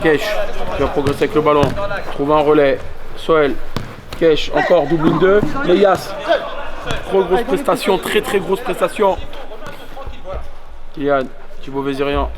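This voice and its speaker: A man doing excited live sports commentary, calling out players' names in short bursts and exclamations. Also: on the high side, unhurried, long pauses. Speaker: match commentator. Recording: loud crowd and bouncing ball behind. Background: crowd noise, ball bounces.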